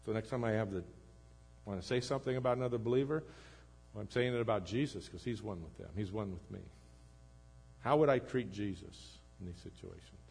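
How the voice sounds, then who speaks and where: A man preaching a sermon as pastor, earnest, swinging between emphatic lines and low, quiet ones. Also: a little fast, vocal fry, husky. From United States.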